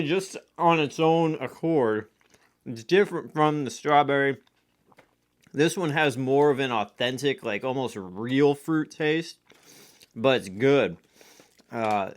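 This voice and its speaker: Slow-talking man eating sour candy on camera. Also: mid-range voice. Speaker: candy reviewer. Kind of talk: casual review chat to viewers.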